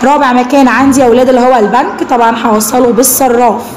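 A woman's voice: fairly high pitch, fairly even intonation, darkish tone, a faint crowd, slight background noise. Egyptian woman teaching young children. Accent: Egyptian Arabic. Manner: drawn-out slow spelling of words, encouraging praise to children. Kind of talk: first-grade Arabic lesson.

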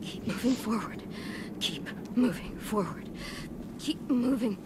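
An actress voicing a bitten teenage girl survivor, quiet and strained as she pushes herself onward. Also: on the high side, takes it slowly. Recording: game audio with loud noise.

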